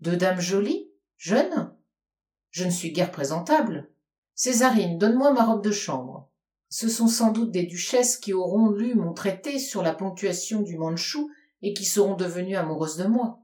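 A man's voice: high-pitched, moderate pace, dark tone, natural voice. A woman reading aloud plays a flustered, self-important old male scholar in a roomy-sounding recording. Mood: fussy. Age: older. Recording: roomy echo.

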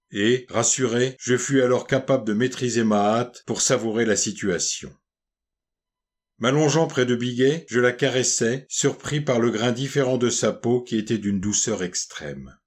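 A male audiobook narrator with a husky, slightly breathy voice. He reads a first-person novel at a measured, even pace, with a pitch that sits in the middle of the male range.

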